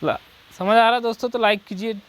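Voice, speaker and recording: This high-pitched male coaching teacher keeps a steady tone while teaching English articles in Hindi. His drills lean on repeated rhetorical questions and "ठीक है," and he reads the English example sentences at a slow pace.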